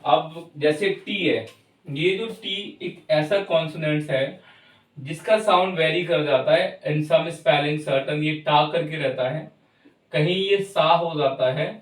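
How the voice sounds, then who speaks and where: Man, English teacher, pronunciation lesson, slightly high voice, roomy echo. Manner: explains slowly and checks in with "thik hai". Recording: echoey room, far from mic.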